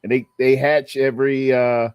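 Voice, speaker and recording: A man's voice: mid-range voice, little pitch movement, normal speed, a little mellow, clear, resonant tone, no room sound, studio quality. A man telling laid-back stories in casual chat, using slang. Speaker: podcast panelist.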